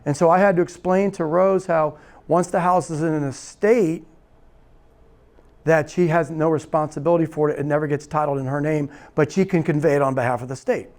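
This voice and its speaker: A man's voice: a little high, brisk. A man teaching a real estate investing seminar, telling a story and acting out the dialogue, often checking in with "right?". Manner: animated storyteller, acts out quoted dialogue, repeats "right?". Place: seminar room.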